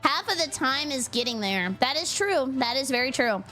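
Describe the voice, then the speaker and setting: A bubbly woman streamer with a bright, high voice that leaps all over the place as she chats and giggles with her viewers. She keeps thanking donors and rambling casually, with soft music playing faintly behind her. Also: moderate pace. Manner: giggly and excitable, laughs often. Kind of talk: casual live-stream chat.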